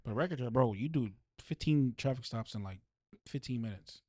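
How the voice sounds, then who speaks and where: A man's voice: mid-range voice, lively intonation, mellow, dry recording, studio quality. A man, a tow truck driver co-hosting a podcast, joking and swearing in casual chat. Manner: quick, joking, profane.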